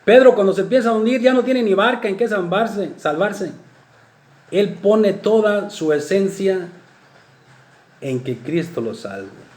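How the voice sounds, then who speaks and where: A man preaching a sermon, swinging between loud exclamations and soft low asides. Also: animated, a little slow. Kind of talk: sermon talk. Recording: echoey room.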